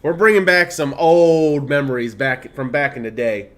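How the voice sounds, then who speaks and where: Casual gameplay stream commentary comes from a man in his thirties with a mid-range, fairly bright voice at a moderate pace. His accent mixes Midwestern, Southern and Californian features; he laughs frequently and reads the on-screen text aloud.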